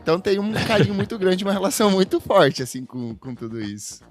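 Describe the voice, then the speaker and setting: This is a Brazilian man co-hosting a music podcast, telling family stories in a chatty, warm way. His voice sits a little high, and he restarts his sentences often. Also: very animated, fast talker. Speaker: podcast co-host. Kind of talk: casual chat.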